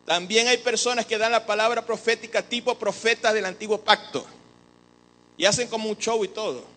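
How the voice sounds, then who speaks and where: A man preaching a sermon as an apostle, animated and joking with the congregation. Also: high-pitched, normal speed, rough recording. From Venezuela. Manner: animated, joking with the congregation, mimics others' voices.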